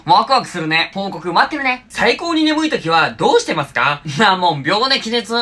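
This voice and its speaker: Young male vlogger, twenties, bright and punchy, very animated pitch, comic Q&A in playful gyaru slang. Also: normal speed. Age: 20s. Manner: Japanese gyaru slang, flippant and upbeat; animated, exaggerated delivery. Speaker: vlogger answering viewer questions. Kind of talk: casual comic Q&A chat. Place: small room at home. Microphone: phone at about arm's length.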